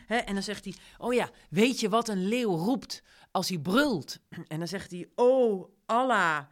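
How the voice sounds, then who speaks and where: A woman leading a casual discussion of a story, retelling scenes with lively quoted lines. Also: medium pitch, measured pace. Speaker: discussion leader.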